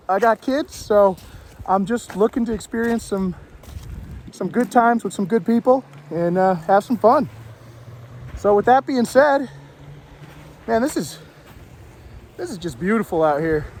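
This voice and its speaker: A man's voice: high voice, darkish tone, slight background noise. A man in his thirties riding a motorcycle on trails, vlogging in a laid-back, rambling way, winded from a cold. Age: 30s. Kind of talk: casual vlog narration while riding. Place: outdoors on wooded trails. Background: motorcycle engine, outdoor ambience.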